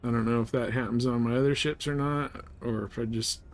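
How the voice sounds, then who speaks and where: During a casual gaming livestream, a man chats in a relaxed, informal way. He speaks at a medium pitch with a steady tone, moving a little fast.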